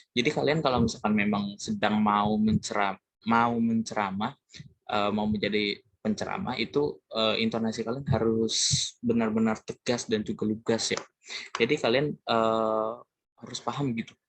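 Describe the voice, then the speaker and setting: A man's voice: on the low side, no echo. A young man from Indonesia giving a class presentation, talking casually to his classmates with many hesitant fillers. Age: young adult. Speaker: student presenter.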